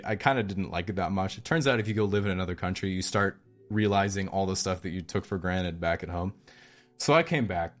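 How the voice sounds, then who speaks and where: A young man telling a story from his life in a rambling, sardonic way, swearing now and then. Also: low voice. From British Columbia, Canada. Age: young adult. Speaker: vlogger. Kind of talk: casual storytelling.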